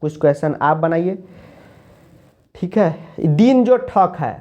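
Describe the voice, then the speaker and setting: Playful teacher. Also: male voice, a little high, animated, slow, darkish tone, highs cut off. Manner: playful, coaxing, repeats check questions. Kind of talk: online class lecture.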